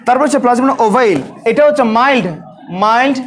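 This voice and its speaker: A man's voice: extremely high pitch, rapid-fire. A male biology teacher lecturing a class, drilling students with repeated questions and scolding those who talk.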